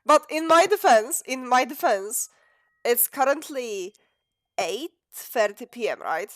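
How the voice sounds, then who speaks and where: A young woman, a streamer and animator, chats in a casual live stream as she works, her high voice carrying a lively intonation at a slow pace on a dry recording. She rambles and pokes fun at herself, giggling often, and sounds a little sniffly from a cold.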